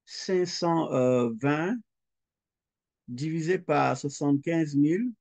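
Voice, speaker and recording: In a recorded lecture, a middle-aged man from Quebec works through calculations step by step, slowly and methodically, repeating each figure aloud as he writes. His voice sits fairly high, with vocal fry and a slightly mellow quality.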